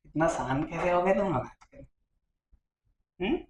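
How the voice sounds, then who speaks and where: A man's voice: a little high, lively intonation, unhurried. Echoey male physics teacher in class. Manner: coaxing, keeps asking the class questions. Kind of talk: classroom lecture. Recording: echoey classroom with faint noise.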